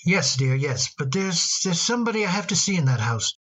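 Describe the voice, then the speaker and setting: A man's voice: high voice, big pitch swings, heavily acted, poor audio. A doting old-time radio father. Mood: tender. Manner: gentle, fond, halting. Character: tender doting father of a daughter. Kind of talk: radio drama acting.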